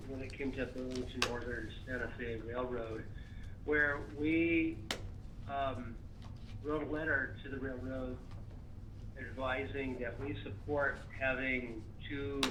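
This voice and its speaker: A man serving as a city councilman gives halting, hesitant remarks at a council meeting from a remote connection whose audio keeps breaking up. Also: medium pitch. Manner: halting, hesitant, with many restarts. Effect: broken-up remote audio that keeps cutting out. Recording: echoey, noisy remote line that drops out.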